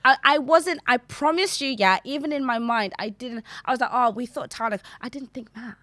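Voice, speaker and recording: A woman's voice: a little high, normal speed, dry recording. A woman in her twenties from Zambia, chatting animatedly as an interview guest on a podcast mic in a small studio. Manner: animated, gestures a lot while talking. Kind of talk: casual interview chat. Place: small studio set, indoors. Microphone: desk podcast mic.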